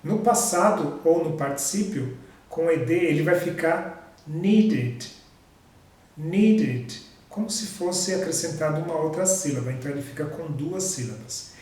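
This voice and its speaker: A man teaching English pronunciation in a slow, patient way, repeating each example word. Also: a little high, darkish tone. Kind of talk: pronunciation lesson. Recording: very echoey room, distant mic.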